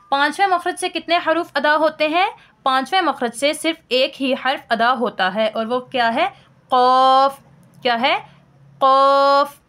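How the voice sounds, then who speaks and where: A woman teaching a recorded recitation lesson, asking her own questions and repeating each point slowly. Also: sits high, fairly bright tone. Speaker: tajweed teacher.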